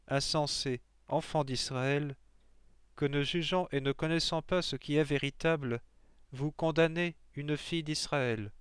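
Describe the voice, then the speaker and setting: A man's voice: on the high side, clean tone, dry recording, studio quality, close to an everyday voice. A man reading the words of a bold young boy prophet, in a stern, rebuking way.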